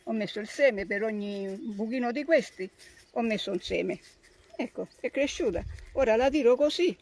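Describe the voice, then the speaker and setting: A woman's voice: on the high side, darkish tone. An older woman from Sicily with a Sicilian accent, explaining farm work informally in plain, homespun, repetitive phrases. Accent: Sicilian Italian. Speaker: traditional tomato grower. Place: outdoors on a countryside plot.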